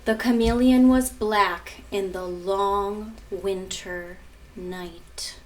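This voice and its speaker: A woman's voice: medium pitch, steady tone, extremely slow, recorded from a distance, slight background noise, rough recording. A woman who teaches art and is a mother, presenting a lesson and reading a picture book aloud in an instructive way, often prompting children with questions. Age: adult. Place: at home.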